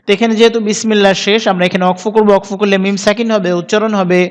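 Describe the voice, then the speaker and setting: A man teaching recitation pronunciation, spelling out each syllable and then stretching the words into slow recited phrases. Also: high voice, steady tone, clean tone, in a large hall. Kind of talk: spoken pronunciation lesson with slow drawn-out recitation.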